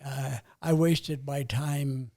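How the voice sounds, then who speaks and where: A very old man, around ninety, talking reflectively and haltingly in an interview, with a gravelly, husky voice. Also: mid-range voice, steady tone, mellow. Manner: halting, pausing to think. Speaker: podcast guest, retired pastor.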